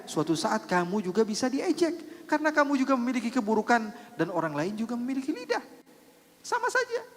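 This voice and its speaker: Male preacher, high voice, animated sermon storytelling, long hall reverb. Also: fairly quick. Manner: animated storyteller, urging and earnest. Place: large hall at religious gathering.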